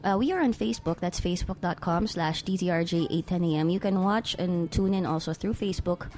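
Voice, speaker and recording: A woman's voice: lowish voice, fairly quick, a little mellow, faint music behind. A woman hosting a radio talk show in a studio, chatting casually and rambling with fillers and restarts.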